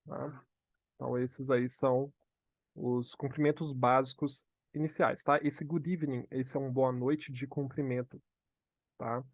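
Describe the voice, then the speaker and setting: Teaching English live online, this man with a Brazilian Portuguese accent keeps checking in with "tá?" and slows his speech to model phrases for students to repeat. His voice is mid-range and level, with no echo.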